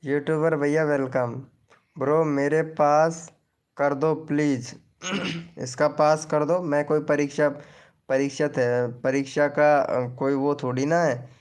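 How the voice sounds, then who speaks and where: A man's voice: on the high side, flat delivery, clear, resonant tone. A man hosting a live stream in casual chat, teasing viewers and reading their comments aloud. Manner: slow, teasing, chatty banter with viewers.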